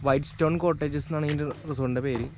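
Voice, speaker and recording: A man's voice: a little high, steady tone, very fast. A man giving an enthusiastic, casual travel vlog narration, mixing English words into his Malayalam. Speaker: travel vlogger. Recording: music behind the voice. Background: music.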